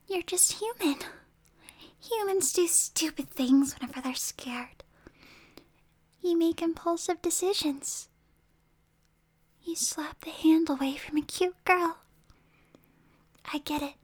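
A woman playing a whispering possessive supernatural girl. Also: very high voice. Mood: unsettling, whispery. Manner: mostly whispered, coaxing, suddenly snapping. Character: possessive, unstable young supernatural girl captor. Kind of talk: ASMR roleplay.

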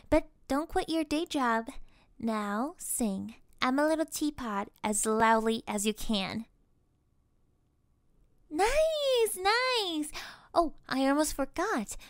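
A woman's voice: high voice, no room sound, full character voice. A woman voicing a mocking, obsessive female hypnotist who keeps a captive under her control, in an audio roleplay. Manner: teasing, slow and breathy, often laughing.

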